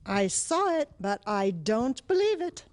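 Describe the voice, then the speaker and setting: A woman's voice: fairly high pitch, big pitch swings, noisy background. A woman voicing a worried, gossipy cow. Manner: fretful and slow.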